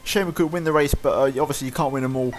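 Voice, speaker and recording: A man giving fast play-by-play commentary over his own racing game. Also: medium pitch, faint music behind. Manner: fast excited play-by-play, winding down later. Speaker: gaming YouTuber. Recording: loud racing game engine noise behind.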